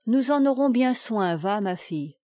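Woman doing a gentle young lady of the house, hushed, coaxing, soothing, fairly high voice, dry close sound, audiobook. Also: animated, normal speed, no room sound, lightly acted.

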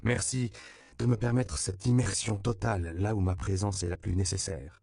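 A man's voice: sits low, steady tone, moderate pace, vocal fry, darkish tone, no echo. A man reading the part of an earnest young male missionary, with pompous, raised exclamations. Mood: grandiloquent. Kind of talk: audiobook character reading.

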